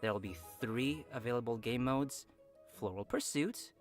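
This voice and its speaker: This man hosts a game update program, delivering a scripted event announcement in a medium-pitched voice at a moderate pace. Soft music plays behind him, and he sprinkles in upbeat, playful asides.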